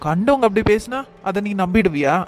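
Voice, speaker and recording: A woman's voice: medium pitch, animated, brisk, darkish tone, slight background noise, lightly acted. A woman voicing an indignant young boy in a cartoon, protesting in a pushy way. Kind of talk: cartoon voice acting. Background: faint background music.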